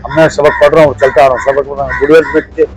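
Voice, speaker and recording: A middle-aged man from Pakistan telling a personal ghost story as an interview guest, halting and repetitive, often restarting his phrases. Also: on the high side, flat delivery, soft background music, low-quality recording.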